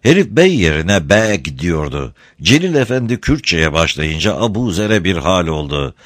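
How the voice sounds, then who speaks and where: Low, dry-sounding male storyteller; steady and measured. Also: dry recording. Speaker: narrator. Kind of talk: storytelling reading.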